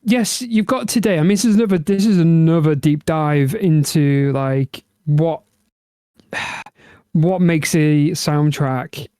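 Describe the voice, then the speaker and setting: Male podcast co-host, slightly high and smooth, rambling casual chat, dry sound. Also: slow, dark tone, no echo. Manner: rambling, with many restarts. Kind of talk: casual chat about game music.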